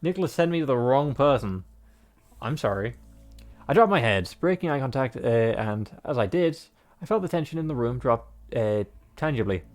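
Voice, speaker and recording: A man's voice: mid-range voice, animated, normal speed, soft background music. A man playing through a visual novel, reading the narration aloud and adding rambling, joking remarks full of fillers. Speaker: game player and narrator.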